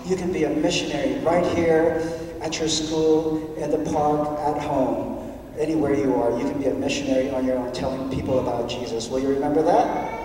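A man's voice: a little high, fairly even intonation, fairly quick, dark tone, slight background noise. A man giving a children's story in church, asking the kids questions as he talks. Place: large church sanctuary. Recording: echoey church hall from far off.

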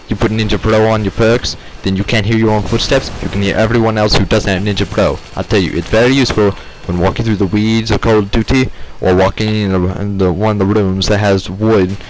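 A man giving casual gameplay commentary, rambling and slipping in and out of a put-on odd accent. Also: fairly low pitch. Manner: rambling, with many fillers and restarts. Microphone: sensitive desk mic. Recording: game gunfire and artillery noise behind.

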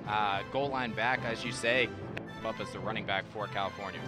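A man's voice: fairly low pitch, brisk, loud music behind the voice. A young American man giving live football analysis as a color commentator.

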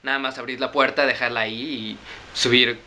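Man telling a comic story, quick and bright. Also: medium pitch, fairly even intonation. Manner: rapid, self-correcting, exaggerated storytelling. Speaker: vlogger.

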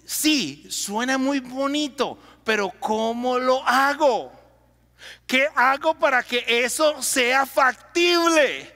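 A man's voice: very high voice, sharp tone. A man preaching a sermon as pastor, calling on the congregation to repeat lines after him. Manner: preaching with call-and-response to the congregation. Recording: long hall reverb.

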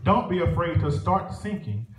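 Preaching and leading prayer in a church sanctuary, a young Southern US man sounds a little high and expressive at normal speed, using rhythmic call-and-response. A far camera films him at the pulpit stand mic, the echoey church heard from afar with organ music playing.

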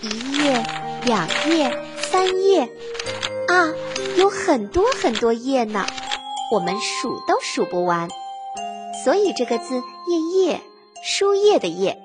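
Female children's teacher, slow and very lively, singsong, reading-to-a-toddler delivery, music behind. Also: high-pitched. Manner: slow, repeats words for listeners to follow. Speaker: children's literacy teacher and narrator. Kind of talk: scripted lesson narration for small children.

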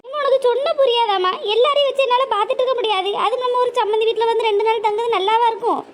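A woman's voice: very high voice, fairly even intonation, very fast, background noise. A woman as a scolding, scheming daughter. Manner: scolding, sharp and nagging. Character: scheming impatient grown daughter. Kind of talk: cartoon voice acting.

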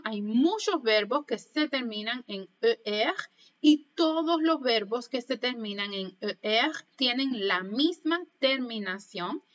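A woman teaching a French lesson online, speaking slowly and carefully as she models pronunciation for learners to repeat. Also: fairly high pitch, a bit bright, dull audio.

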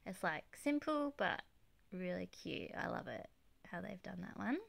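A woman with a slightly croaky voice from being sick gushes about her plush toy collection, chatting casually with soft giggles as she shows it off. Her voice sits on the low side, sing-song and unhurried. She narrates off-camera on a handheld phone in her bedroom, where the plush toys are on display.

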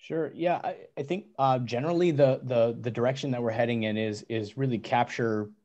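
A man's voice: mid-range voice, a little fast, a little mellow, muffled recording. A man in his thirties, a startup cofounder, talking in a video call interview from a small office over a headset, with many restarts and fillers.

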